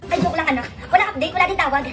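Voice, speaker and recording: Isang babaeng may puntong Pilipino na gumaganap ng ina at anak sa isang comedy skit, mapang-asar at masiglang pananalita. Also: female voice, very high-pitched, rapid-fire. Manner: animated, teasing comic delivery. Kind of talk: comic skit acting, mother and child roles. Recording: music playing behind.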